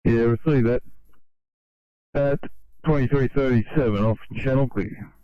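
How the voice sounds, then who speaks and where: Fire dispatcher over walkie talkie radio. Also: male voice, mid-range voice, no echo. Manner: brisk, routine read-backs of radio messages. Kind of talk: emergency radio traffic. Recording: muffled radio channel.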